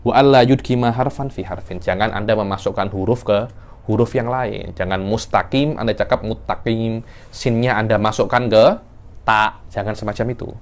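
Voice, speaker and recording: Man, religious teacher, animated classroom lecture with sudden pitch jumps. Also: normal speed. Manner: animated, acts out verse intonation with sudden pitch leaps. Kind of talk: classroom lecture on Quran recitation.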